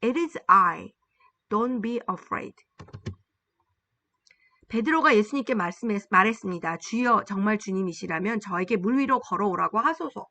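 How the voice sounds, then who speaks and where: Speaking Korean to explain and reading English slowly, a woman teaches a lesson drawn from the Bible, repeating phrases so listeners can keep up. Her medium-pitched voice sounds pushed and bright, with no room sound.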